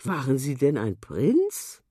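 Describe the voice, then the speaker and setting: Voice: huge pitch swings, takes it slowly, warm tone, breathy edge, no echo, clean studio sound, full character voice. A narrator voicing a curious, blunt woman who sounds astonished, in a storybook. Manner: astonished, high-pitched.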